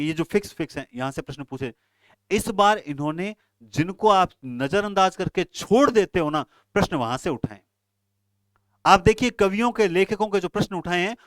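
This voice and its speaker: A man teaches an exam-prep lesson. He advises his students earnestly and directly. His voice sits a little high, sounds smooth and clear, and the recording is close and dry. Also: a bit bright, dry recording.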